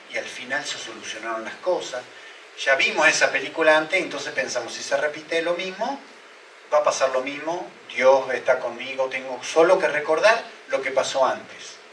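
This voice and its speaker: A man's voice: mid-range voice, pushed and bright, a little hiss or hum. A male pastor preaching a sermon and asking his listeners many rhetorical questions. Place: church hall. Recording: roomy, echoey church hall, mic at a distance.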